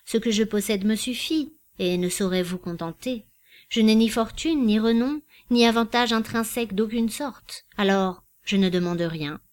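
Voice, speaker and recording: A woman reading a novel aloud, voicing a composed, courteous and quietly proud gentleman in a measured, formal way. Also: on the high side, natural voice. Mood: earnest, polite. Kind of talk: audiobook reading.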